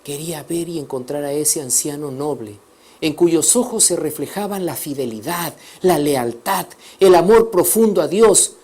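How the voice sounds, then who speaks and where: Dramatic male preacher, rather high voice. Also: normal speed, husky. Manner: dramatic, swings between loud emphasis and soft hushed passages. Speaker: teacher of a religious course. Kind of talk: preaching storytelling.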